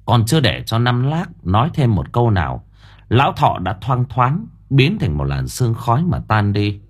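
A man narrating an audiobook story in a dramatic, expressive storytelling manner. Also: medium pitch, moderate pace, slightly rough.

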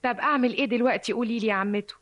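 A lovesick, tearful young woman, played by a woman in a vintage Egyptian radio play. Her high voice pleads in quick, plaintive bursts. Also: lo-fi sound, lightly acted. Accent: Egyptian Arabic. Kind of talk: vintage radio drama acting.

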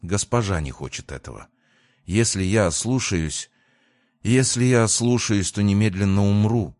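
Tired solemn young woman guardian, voiced by a male narrator, low and hushed, audiobook. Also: normal speed, no room sound, clean studio sound, natural voice. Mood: weary.

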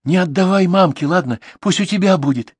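A man's voice: sits high, a little fast, husky, no room sound, voice pushed up. A man voicing a young village girl who pleads and talks back in an audiobook. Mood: pleading. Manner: pleading, then sharply defiant.

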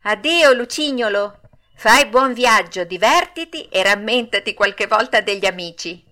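A woman voicing Pinocchio, a naive wooden puppet boy, with dreamy drawn-out exclamations in an audiobook. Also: mid-range voice, animated, bright, forceful tone. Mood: pleading. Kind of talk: audiobook character voice.

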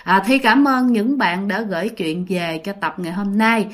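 A woman's voice: medium pitch, moderate pace. A woman who tells ghost stories in a chatty, casual way and talks straight to her listeners. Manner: chatty, addresses listeners directly, many fillers. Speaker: ghost story narrator. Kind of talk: casual storytelling.

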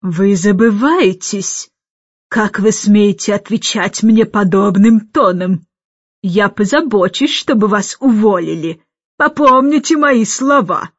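Domineering older governess, loud and slow, barks every order, put on by a woman narrator. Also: medium pitch, breathy edge, no room sound, dull audio. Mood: scolding.

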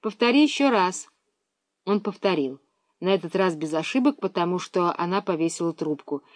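A woman reading a children's story aloud in an even, measured storytelling manner. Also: on the low side, dry recording, clean studio sound.

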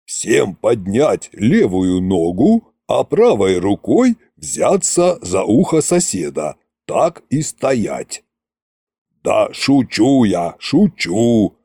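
A man's voice: fairly low pitch, very animated, drawn-out words, vocal fry, dark tone, husky, no echo, clean studio sound, full character voice. A man voicing a boastful, pompous immortal sorcerer king in an audiobook, grand and mocking. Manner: grand, self-satisfied, mocking. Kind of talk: audiobook character reading.

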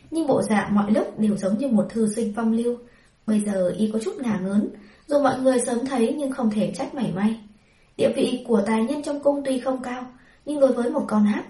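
A woman narrating a historical novel as an audiobook, in a measured storytelling voice, in a roomy, distant recording. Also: fairly high pitch, warm tone.

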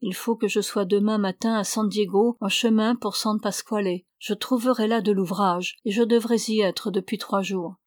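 A woman's voice: medium pitch, fairly even intonation, normal speed, hardly any pauses, darkish tone, dry recording, close to an everyday voice. Woman reading grieving young man, subdued, muffled, audiobook, dry sound.

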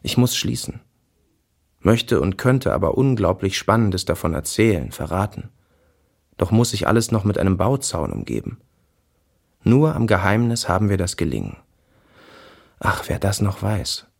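Intense poet-wanderer, low register, literary radio feature diary reading. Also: male voice, very animated, moderate pace, gravelly, long pauses, heavily acted. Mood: brooding.

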